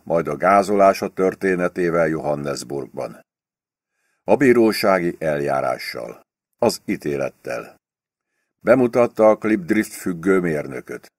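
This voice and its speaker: Deep-voiced man reading an audiobook. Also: a little mellow, no room sound, studio quality. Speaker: audiobook reader. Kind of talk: audiobook narration.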